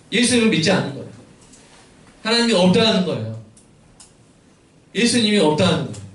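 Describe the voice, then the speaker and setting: A man preaching a sermon as pastor, his fairly high voice carrying through a reverberant church sanctuary. He keeps asking the congregation questions and answering them himself. The sound is picked up from some way off, with faint room ambience behind him. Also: far from the mic. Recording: echoey church hall, mic from afar.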